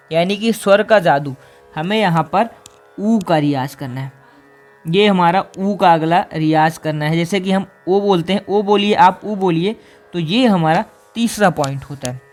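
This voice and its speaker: A man teaching a singing lesson, explaining vocal exercises patiently step by step. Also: high voice.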